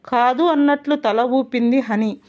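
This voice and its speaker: A woman narrating a romantic story in a steady, descriptive way. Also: high-pitched, measured pace, muffled recording.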